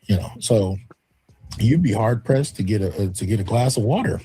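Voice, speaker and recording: A man talking casually and reflectively in a measured, musing manner. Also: lowish voice, expressive, dark tone, a little hiss or hum, poor audio.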